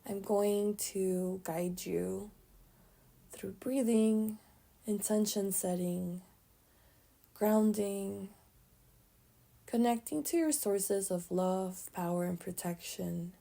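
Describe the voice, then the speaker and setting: Speaking in a medium pitch, a woman leads a calm meditation session. Her phrases are short and gentle, spaced with pauses, and finish with soft, breathy endings.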